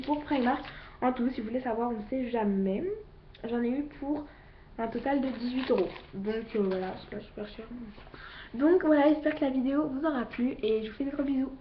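A teenage girl with a fairly high voice runs through her haul in a gushing, chatty way, piling on fillers and repeating her favorite words. She sounds a little out of breath. The sound is roomy and dull, with a faint hiss. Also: moderate pace. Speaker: beauty vlogger. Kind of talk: casual haul video chat.

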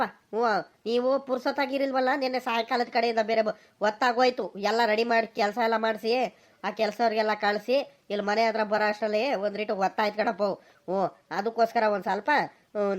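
A woman's voice: fairly high pitch, close to an everyday voice. Woman voicing a nervous stammering village son. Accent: rural Karnataka Kannada. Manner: hesitant, stammering excuses. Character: nervous grown son of a village family, evasive.

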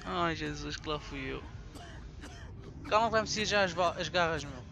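A man's voice: a little high, normal speed, creaky, lo-fi sound, background noise. A man with a European Portuguese accent giving frantic, swearing commentary over his own gameplay. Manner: excitable, swearing, frantic exclamations. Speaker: gaming channel host.

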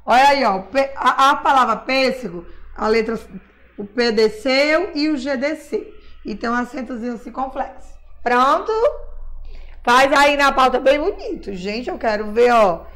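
A woman's voice: sits high, a bit bright. A woman from Brazil's teaching a class of young children, patiently spelling words out syllable by syllable and calling herself auntie. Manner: slow, drawn-out syllable-by-syllable spelling; patient, uses diminutives, refers to herself as auntie. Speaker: primary school teacher.

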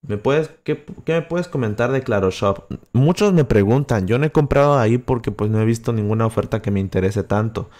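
A man's voice: medium pitch, animated, brisk, hardly any pauses, darkish tone. A young man from Acapulco with a coastal Guerrero Mexican accent, chatting casually on a livestream with many fillers and restarts, close to the microphone. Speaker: livestream host answering chat.

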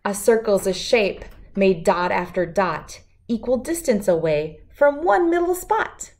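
A middle-aged woman with a mid-range voice reads a rhyming picture book aloud to children. She hosts read-alouds for kids, and her delivery is expressive, deliberate and lilting.

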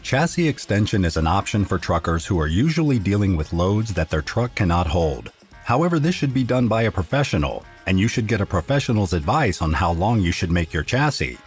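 A man reading a scripted voice-over narration in a steady, informative explainer manner. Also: deep voice, brisk, faint music behind.

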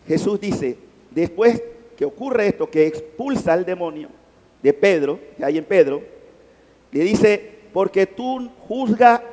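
Panamanian priest, higher-pitched man, sermon voice that swells and drops, long church reverb. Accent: Panamanian Spanish. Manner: emphatic, rising and falling loudness. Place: large church.

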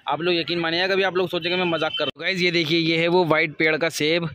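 Chatty high-voiced man vlogging at home. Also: level tone, fast talker, sharp tone. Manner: chatty, joking, addresses viewers as "guys". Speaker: family vlogger. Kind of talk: casual vlog chat to camera. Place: home and rooftop.

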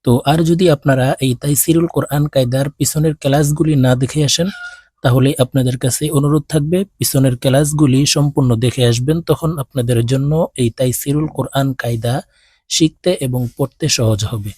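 A man with a Bangladeshi accent teaching Quran reading, spelling out Arabic words letter by letter and drawing out each syllable slowly. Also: medium pitch, fairly even intonation, a little mellow, breathy edge, dry recording, studio quality. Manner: slow drawn-out recitation of each word.

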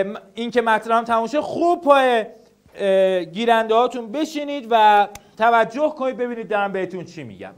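A young man teaching students how to study, lecturing and speaking to them directly. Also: very high-pitched. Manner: animated, addresses students directly.

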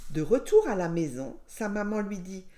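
A schoolteacher telling a silly story to children in a playful, expressive way. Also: female voice, medium pitch, moderate pace.

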